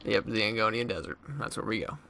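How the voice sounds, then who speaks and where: A man's voice: fairly low pitch, steady tone, fast, vocal fry, pushed and bright. A man in casual gaming chat, laid-back and goofy, joking around with his friends. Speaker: let's play gamer.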